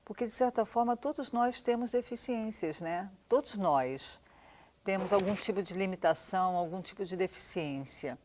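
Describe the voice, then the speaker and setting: A woman's voice: mid-range voice, normal speed, a little mellow, a little hiss or hum. A woman theater director explains her working method in a documentary interview. She speaks thoughtfully and often restarts her sentences.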